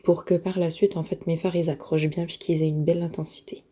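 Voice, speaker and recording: A woman narrating a makeup tutorial, hesitant and full of filler pauses, often dropping to a near-whisper while she works. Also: on the low side, little pitch movement, warm tone, husky. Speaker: beauty vlogger.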